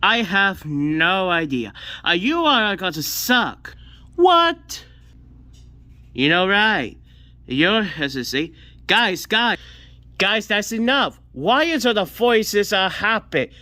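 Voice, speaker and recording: A man voicing toys in a playful, improvised scene, excitable and stammering, jumping between high yelps and lower grumbles. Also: slow, no echo. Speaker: hobby video maker voicing toy figures. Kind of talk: playful improvised toy voice play.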